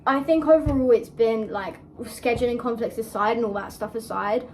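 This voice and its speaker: A young woman with a fairly high voice talks in a relaxed, rambling way, full of "um" and "like". She sits a little back from the camera mic, with faint background noise around her. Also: moderate pace, recorded from a distance, rough recording. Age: young adult. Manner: chatty, reflective, lots of fillers. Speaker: student filmmaker and vlog co-host. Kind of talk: casual chat.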